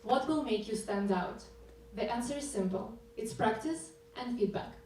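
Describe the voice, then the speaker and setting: A woman from Russia giving a measured, earnest scripted presentation as a developer. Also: a little high, lively intonation, darkish tone. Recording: echoey hall mic from a distance, faint hum.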